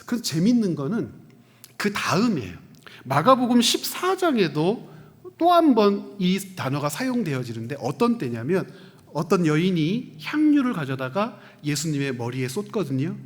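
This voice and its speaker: A male pastor preaching a sermon. He asks the congregation questions and answers them himself, and he swings from loud, stressed peaks down to hushed, near-whispered lines. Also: high voice, sing-song, normal speed. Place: church sanctuary. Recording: long church reverb.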